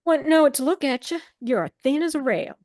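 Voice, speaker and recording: A woman's voice: high voice, lively intonation, brisk, a little mellow, dry recording, pitched above the performer's own voice. A woman playing a gloomy, blunt young female writer with a Southern accent, reading an improvised script. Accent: American Southern. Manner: blunt, dry, contrary. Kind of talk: improvised role-play reading.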